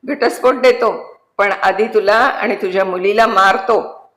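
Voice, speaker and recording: A woman's voice: medium pitch, unhurried, a bit bright, close to an everyday voice. A woman doing a drunk, menacing villain. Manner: menacing, mocking. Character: drunk, violent rich male builder, villain. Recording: roomy echo.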